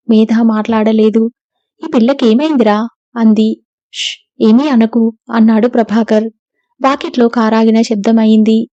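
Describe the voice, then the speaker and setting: A woman reads a novel aloud in an even, steady storytelling voice. Her tone is mellow and a touch high, with a flat melody. The recording is dry and somewhat lo-fi. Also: no room sound. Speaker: audiobook narrator. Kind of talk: scripted novel narration.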